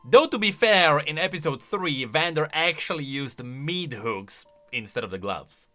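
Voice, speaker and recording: A video creator with a fairly high, bright male voice offers casual reaction commentary at an unhurried pace. He thinks aloud, his pitch leaping about in an animated, exclamatory manner.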